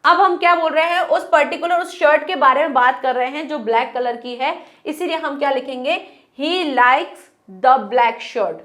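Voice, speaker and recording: A woman's voice: high voice, fairly bright tone. A woman teaching an online grammar lesson, explaining step by step and asking and answering her own questions. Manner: reads English sentences slowly and deliberately.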